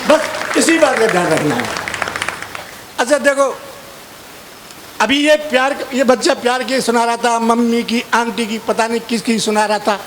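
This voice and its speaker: High-voiced comic poet man, chatty. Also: normal speed, long pauses, a crowd in the background, background noise. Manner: chatty, teasing the audience. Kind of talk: stage comedy with sung verse. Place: outdoor poetry gathering stage.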